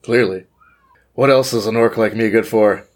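A man's voice: fairly low pitch, normal speed, lightly acted. A man voicing an earnest male orc adventurer who speaks in stilted, formal phrases.

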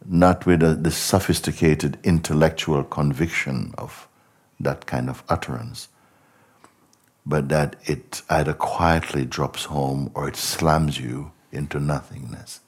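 Very deep, breathy, slow-talking man. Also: steady tone. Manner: slow and reflective, asking many rhetorical questions, often trailing off softly. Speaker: spiritual teacher. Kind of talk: contemplative spiritual talk.

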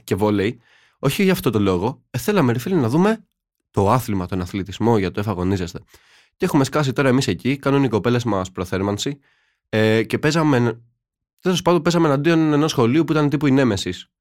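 A man's voice: mid-range voice, lively intonation, a little mellow, no echo, studio quality. A young man co-hosting a podcast, chatting casually and telling ironic, slang-filled stories. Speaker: podcast co-host. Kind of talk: casual chat.

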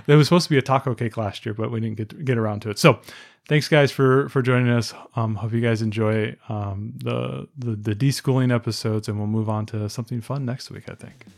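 A man's voice: medium pitch, steady tone, fairly quick, creaky, a little mellow. A man co-hosting a podcast in casual chat, talking in a rambling way with many restarts and fillers. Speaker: podcast co-host.

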